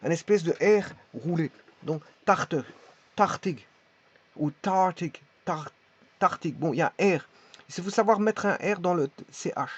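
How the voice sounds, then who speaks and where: A man teaches in a halting way, stopping often and repeating each word as he demonstrates how it sounds. His voice sits somewhat high for a man, and the recording is dull and lo-fi. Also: husky. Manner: hesitant, repeats words while demonstrating pronunciation. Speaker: language teacher. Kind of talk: hesitant spoken lesson.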